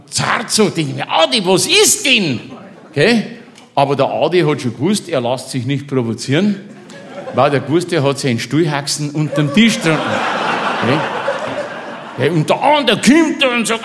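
Bavarian man, slightly high voice, rambling chummy comic storytelling, dialect-heavy. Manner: rambling, chummy, keeps asking "gell?".

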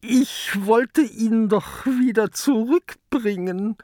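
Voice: medium pitch, takes it slowly, warm tone, no room sound, studio quality, pitched above the performer's own voice, lightly acted. A narrator voicing a big octopus who stammers and hesitates. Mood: sheepish. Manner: hesitant, full of "äh". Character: large sheepish sea octopus.

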